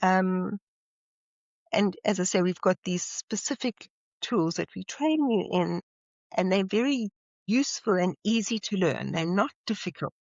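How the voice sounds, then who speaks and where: A woman's voice: mid-range voice, animated, measured pace, darkish tone, no room sound. A woman with a South African accent, a leadership trainer explaining her methods earnestly in an interview. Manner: earnest, explanatory, now and then laughing. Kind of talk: interview conversation. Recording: slightly muffled, dry audio.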